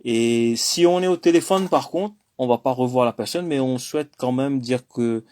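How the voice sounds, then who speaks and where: A man giving a casual spoken language lesson, hesitant, with many fillers and self-corrections, repeating words slowly for practice. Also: medium pitch, darkish tone. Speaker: language teacher.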